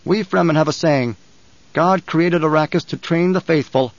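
A man voicing a composed young male leader who speaks in a measured, commanding way. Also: fairly high pitch, dry recording, lightly acted. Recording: dull, dry studio recording.

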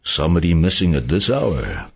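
A man's voice: low-pitched, huge pitch swings, moderate pace, vocal fry, husky, heavily acted. A man voicing a weary, terse older male homicide detective in a storybook reading. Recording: dull lo-fi audio.

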